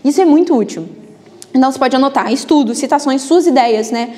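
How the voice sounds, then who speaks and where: Woman teacher, high voice, rapid delivery, chatty lecture, reverberant classroom. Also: dark tone. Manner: chatty, frequent tag questions. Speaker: book club teacher.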